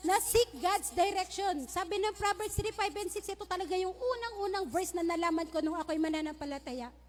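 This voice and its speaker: High-voiced woman pastor preaching in a hall. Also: a little fast. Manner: humorous storytelling mixed with Taglish preaching. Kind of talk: sermon. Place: church hall. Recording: long reverb of a church hall.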